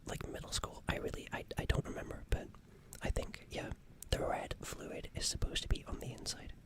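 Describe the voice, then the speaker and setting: In an ASMR roleplay, a woman plays a gentle, flustered alien nurse, speaking softly, soothingly, and hesitantly while repeating her phrases. The delivery is brisk and lightly acted, with a reassuring, concerned mood.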